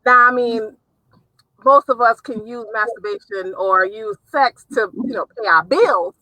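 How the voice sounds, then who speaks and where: A woman's voice: fairly high pitch, unhurried, sharp tone, no echo, poor audio. A woman with a New Orleans accent, hosting a casual interview with enthusiastic, talkative energy. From South Louisiana. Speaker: host.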